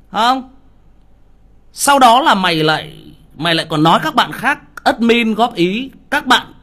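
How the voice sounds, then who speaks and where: A man's voice: high voice, sharp tone. A man who reads audiobooks on a livestream, scolding a viewer with profanity and rhetorical questions.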